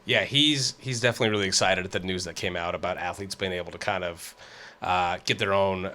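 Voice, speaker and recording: A man's voice: low-pitched, steady tone, fairly quick, pushed and bright. A man co-hosting a podcast, chatting casually about a guest. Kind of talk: casual chat.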